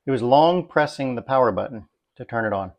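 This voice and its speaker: Brisk and lively in his intonation, a man reviews a product through a casual, unscripted demonstration, reasoning out loud. His medium pitch is laced with gravelly fry, and his humor is folksy and dry.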